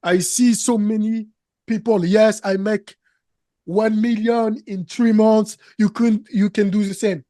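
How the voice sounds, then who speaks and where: In this interview, a Canadian man, a business coach whose native language is French, speaks with a French accent in a high, warm voice and fairly even intonation. His manner is slow, earnest and emphatic, with non-native grammar slips, captured in echo-free studio quality.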